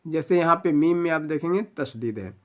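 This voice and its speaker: Smooth-voiced man teaching Quran reading. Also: fairly high pitch, dull audio. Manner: patient, spells each letter slowly, stretches vowels when reciting. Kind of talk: Quran recitation lesson, spelling out letters.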